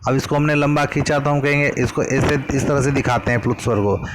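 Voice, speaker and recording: A man's voice: medium pitch, brisk, noisy background. A man teaching a grammar lesson from a worksheet, patiently explaining and drawing out vowel sounds as examples.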